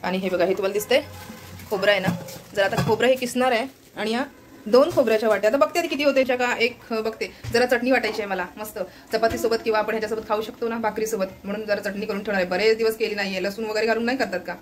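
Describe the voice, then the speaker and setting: Chatty woman doing a home kitchen vlog, high-ish voice, talks fast, phone in hand. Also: steady tone, noisy background. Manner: chatty, keeps pointing things out to viewers. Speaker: family vlogger. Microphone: phone held in hand.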